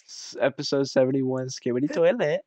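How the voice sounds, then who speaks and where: A man's voice: medium pitch, fairly quick, darkish tone, no room sound. A young man streaming a horror game, talking in a laid-back, half-distracted way while browsing games. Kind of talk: live-stream gaming chat.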